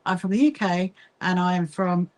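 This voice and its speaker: Speaking at normal speed in a lowish, darkish voice, a woman hosts a livestream for a quilting association. She sews while chatting with viewers, saying hello and answering their comments, and her accent mixes Kentish and Sussex, placing her on England's south coast.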